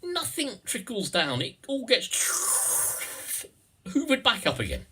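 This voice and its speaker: A man with a very raspy, forceful voice rambles through a satirical monologue. His pitch leaps about dramatically as he digresses, repeats himself and adds little tag questions. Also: wildly swooping pitch, measured pace.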